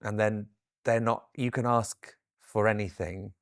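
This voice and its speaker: Effusive man with a lowish voice. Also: steady tone, measured pace, smooth, no echo, studio quality. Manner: effusive, emphatic storyteller. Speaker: guest author and children's storyteller. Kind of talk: animated interview chat.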